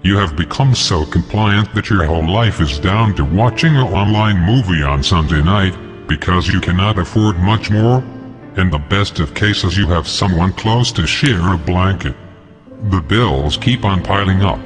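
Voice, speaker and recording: Man in a disguised deep voice. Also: expressive, moderate pace. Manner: defiant, declaiming. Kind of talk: scripted manifesto address. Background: music.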